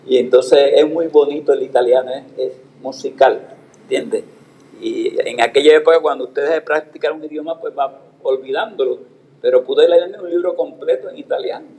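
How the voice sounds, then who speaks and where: A man's voice: on the high side, moderate pace, roomy sound, a little hiss or hum, rough recording. A man in his eighties with a Puerto Rican Spanish accent, telling stories in a theatrical, declaiming manner, a retired theater teacher. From Puerto Rico. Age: 80s. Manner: theatrical, declaiming with expressive intonation. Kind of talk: anecdotal storytelling performance with recited poetry.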